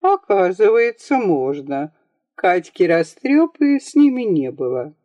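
A woman reads a novel aloud with expressive, lively storytelling. Her voice is mellow and moves up and down a lot. The audiobook recording is dry and dull. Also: fairly low pitch, measured pace, no echo. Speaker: audiobook narrator. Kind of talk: scripted narration of a novel.

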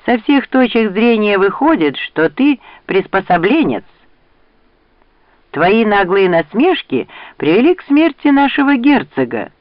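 A man putting on a knight shaken by grief and anger, his voice trembling as he accuses. It sits high, on a dull, lo-fi recording. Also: moderate pace, few pauses, dry recording, natural voice. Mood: accusing.

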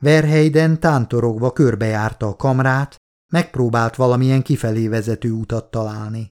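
An audiobook narrator with a mid-range male voice reads an action novel aloud from a script. His storytelling is steady and measured.

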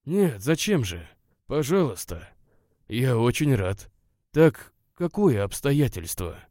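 A man's voice: medium pitch, sing-song, slow, dark tone, no echo, voice pushed up. A man reading aloud voices an irritable, stubborn young man who answers curtly. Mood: grumbling. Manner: dry, curt, grumbling.

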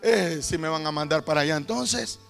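A man voicing a frightened woman witness in a sermon story, speaking softly and fearfully. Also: a little high, lively intonation, moderate pace, gravelly, faint music behind, pitched below the performer's own voice.

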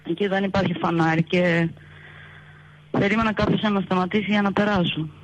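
Young woman caller recounting haltingly. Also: medium pitch, steady tone, highs cut off, a little hiss or hum. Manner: halting storytelling, retelling dialogue. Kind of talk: telephone call to a radio show.

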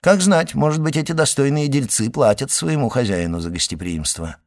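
A man voicing a lively young aristocratic son in an audiobook, speaking with eager animation. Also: mid-range voice, moderate pace, no echo, studio quality, voice pushed up, lightly acted. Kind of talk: audiobook character reading.

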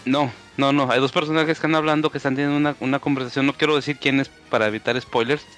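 A man's voice: mid-range voice, steady tone, quick pace, a bit bright, soft background music. Man explaining at length. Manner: enthusiastic, long explanations with many fillers. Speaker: podcast co-host. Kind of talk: casual chat.

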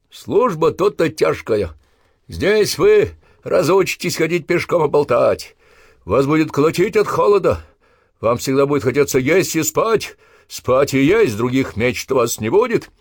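A man's voice: high-pitched, no room sound, studio quality, voice pushed up, full character voice. A man voicing a harsh, scornful army drill sergeant who barks crude commands at recruits. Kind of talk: audiobook character voice.

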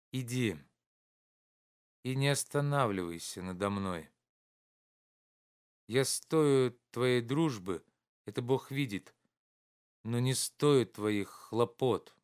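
Weary, resigned gentleman, read by a man, slow and soft, for a storybook reading. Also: medium pitch, smooth, no echo, studio quality, natural voice. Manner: slow, soft, pleading delivery.

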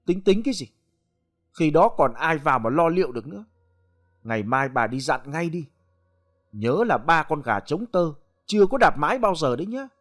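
Man doing pompous greedy husband, lecturing tone, lively pitch, for a spoken ghost tale. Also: moderate pace. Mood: bossy. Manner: bossy, lecturing. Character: greedy, pompous rich middle-aged husband.

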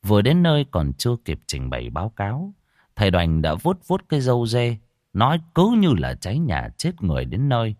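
A man narrating a spoken story in a lively, colloquial, earthy way. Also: on the low side, fairly quick, no echo, clean studio sound.

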